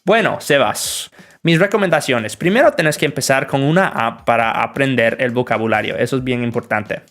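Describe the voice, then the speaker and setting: A young man from the northern United States with an American accent, hosting a relaxed livestream question-and-answer session as an English teacher, greeting viewers and explaining with examples. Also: mid-range voice, normal speed. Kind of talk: livestream Q&A, bilingual.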